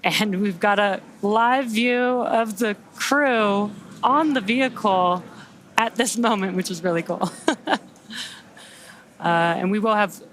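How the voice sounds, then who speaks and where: A woman's voice: medium pitch, takes it slowly, fairly bright tone, a little hiss or hum. A woman hosting live launch commentary, explaining each step in an upbeat manner. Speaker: launch webcast host.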